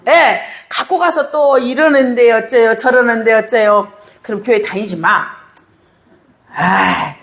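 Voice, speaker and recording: High-voiced woman pastor preaching in an echoey church. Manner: animated, asks the congregation rhetorical questions, laughs often. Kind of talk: sermon. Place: church sanctuary.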